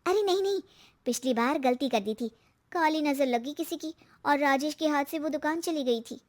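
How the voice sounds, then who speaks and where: A woman voicing a hopeful young wife in a cartoon story who talks in a bright, chatty way. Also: sits high, moderate pace, voice pushed up, natural voice. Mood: confiding.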